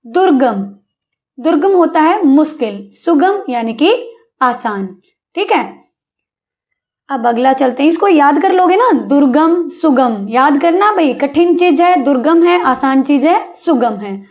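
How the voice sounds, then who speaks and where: A woman teaching a Hindi vocabulary lesson to children, coaxing them with "hai na?" and spelling words out slowly. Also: high-pitched, expressive, darkish tone. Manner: coaxing, calls listeners beta, asks "hai na?".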